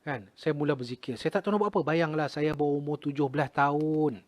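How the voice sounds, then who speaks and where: A middle-aged man with a Malaysian Malay accent, a retired army officer telling a personal story with drama, swinging between loud exclamations and hushed murmurs. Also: a little high, fairly quick.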